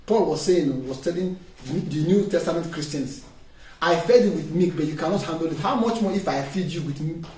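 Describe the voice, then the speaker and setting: A pastor with a fairly high, slightly mellow voice preaches at a normal speed, firing emphatic call-and-response questions at his congregation. The room is echoey, the mic sits at a distance, and there's faint background noise.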